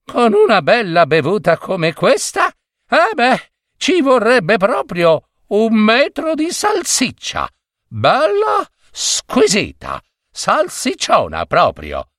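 A man's voice: medium pitch, sing-song, unhurried, fairly bright tone, no room sound, studio quality. A man voicing a blustering, grumbling peasant woodcutter in a storybook reading. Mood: content. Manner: blustering, sighing. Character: grumbling peasant woodcutter husband, middle-aged.

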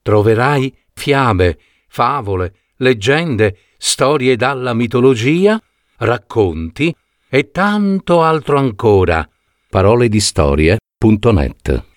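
A man narrating a story for an audiobook in an expressive, dramatic reading style. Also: medium pitch, slow pace, dry recording, studio quality.

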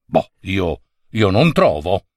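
A man voicing a kind old gentleman who speaks softly and with quiet amusement. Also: low-pitched, sing-song, slow, dry recording, clean studio sound, voice pushed down, exaggerated voice. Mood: mild. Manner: soft-spoken, amused.

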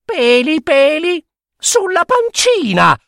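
A cheeky little princess from a storybook, bold and teasing, acted by a man. Her voice sits very high and bounces in a sing-song chant. Every phrase is slow and drawn out. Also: huge pitch swings, vocal fry, a bit bright, dry recording, studio quality, full character voice.

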